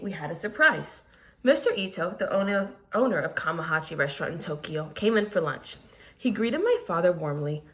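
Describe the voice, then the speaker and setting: A woman teacher reads a picture book aloud to young students with expression, pausing to explain it as part of the lesson. Her voice is on the low side and a bit bright.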